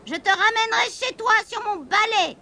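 A woman's voice: very high voice, normal speed, vocal fry, bright, forceful tone, a little hiss or hum, pitched above the performer's own voice, heavily acted. A woman voicing a vengeful sea witch who talks in a threatening, imperious way in a storybook reading. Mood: coaxing. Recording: echoey with music and thunder.

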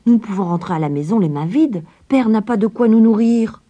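A woman voicing a clever young boy in a hushed, reasoning tone. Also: mid-range voice, expressive, a little fast, pitched above the performer's own voice, natural voice. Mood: earnest.

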